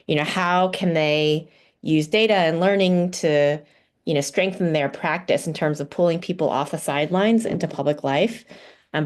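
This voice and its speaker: A woman from the United States, a political science professor, giving a conversational, thoughtful online lecture over a video call. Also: deep voice. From United States (Houston, Texas).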